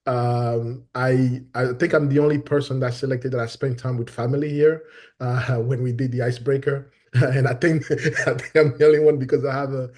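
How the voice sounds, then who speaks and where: A man's voice: mid-range voice, darkish tone. A middle-aged man from Benin introducing himself eagerly in an online meeting over a video call, often repeating words. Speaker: new team member introducing himself.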